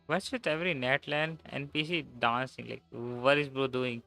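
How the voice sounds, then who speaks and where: Young male streamer, gravelly and crisp, snarky loose banter. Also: mid-range voice, fairly even intonation, normal speed, pushed and bright, soft background music. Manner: mocking, offhand, loose grammar. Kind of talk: casual gameplay commentary.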